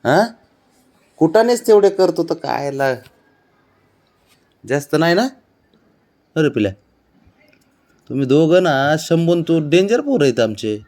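A man's voice: on the high side, sing-song, unhurried, long pauses, a little mellow. A man chatting with his pet cat in a doting, coaxing way and asking it the same questions again and again. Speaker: cat owner. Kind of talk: casual talk to a pet cat.

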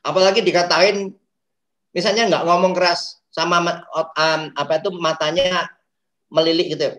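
Animated man explaining therapy. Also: a little high, normal speed, low-quality recording. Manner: animated storyteller who acts out quotes, mixing in English phrases. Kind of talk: talk show interview.

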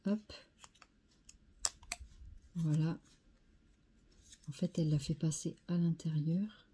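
Slow-talking French woman, dark voice. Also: low-pitched, steady tone, husky. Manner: chatty, enthusiastic, repeats "très sympa". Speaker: scrapbooking video host. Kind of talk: casual show-and-tell of craft mail.

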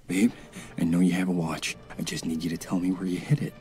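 A man's voice: low voice, little pitch movement, fairly quick, mellow, faint music behind, natural voice. A man voicing a desperate young husband in a video game, pressing with urgent questions. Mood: accusing. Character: desperate young husband trapped in a time loop.

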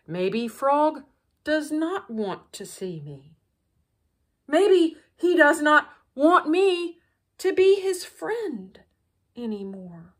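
A woman's voice: sits high, big pitch swings, drawn-out words, heavily acted. A woman voicing an anxious, devoted male toad in a storybook, earnest and pleading. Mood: worried, sad.

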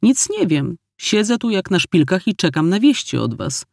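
A man reading an audiobook, voicing a brisk, no-nonsense older grandmother on the phone. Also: sits high, big pitch swings, creaky, no echo, studio quality, pitched above the performer's own voice, exaggerated voice.

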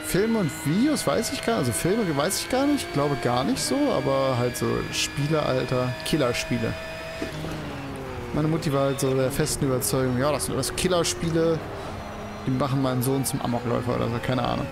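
A young let's play host rambles casually while commentating a racing game, swearing and exclaiming at the track as game music plays behind him. His voice is medium-pitched, brisk, and gravelly.

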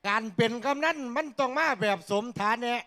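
A man doing a brash high-voiced village headman. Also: moderate pace, pushed and bright, full character voice. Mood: bragging. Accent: Isan. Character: boastful middle-aged male village headman. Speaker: comedy troupe performer. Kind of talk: comic skit. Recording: light music behind.

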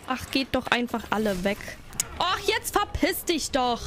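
A young woman streams live and chats casually, flustered and giggly as she thanks her viewers. Her voice is high. She speaks at a slow, drawn-out pace. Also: sing-song, background noise.

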